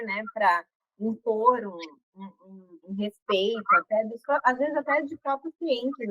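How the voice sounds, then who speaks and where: Bright-voiced woman host, dull recording. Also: medium pitch, dry recording. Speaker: panel host and lawyer. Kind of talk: panel discussion.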